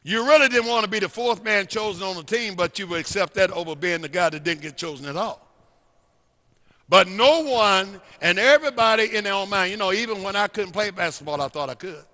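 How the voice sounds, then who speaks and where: A male pastor preaching a sermon, swinging between loud and hushed lines and repeating phrases. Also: sits high, brisk, long reverb tail. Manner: preachy, rising and falling dynamics, repeats phrases. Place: church sanctuary.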